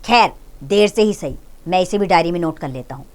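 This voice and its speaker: A woman teacher voicing a stern, angry male householder who lectures and nearly shouts at his maid. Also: lowish voice, expressive, a little fast, natural voice. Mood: mock surprise.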